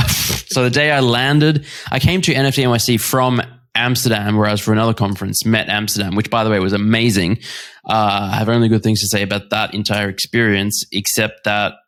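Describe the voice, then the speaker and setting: A man's voice: fairly low pitch, little pitch movement, a little fast, fairly bright tone. Man, podcast co-host, casual chat, laughs a lot, rambling. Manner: laughs often, rambling with restarts. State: recovering from covid.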